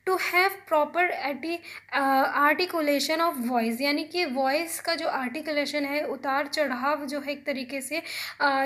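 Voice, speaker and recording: A young woman, teaching a recorded exam prep lesson. She reads each point slowly and carefully, then explains it at length in a plain, patient teaching voice. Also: sits high, a bit bright.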